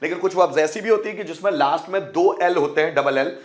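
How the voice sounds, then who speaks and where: A man with a fairly high voice teaches English verb forms while speaking in Hindi. He repeats each example word aloud and keeps asking his viewers questions as he goes. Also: quick pace. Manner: repeats words aloud and asks the class questions. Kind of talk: explaining grammar rules in Hindi.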